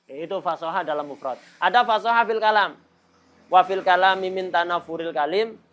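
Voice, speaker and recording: A middle-aged male religious teacher lectures a class in a loose, joking tone. His voice sits a little higher than most men's, and Arabic terms run through his everyday talk. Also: normal speed, a bit bright.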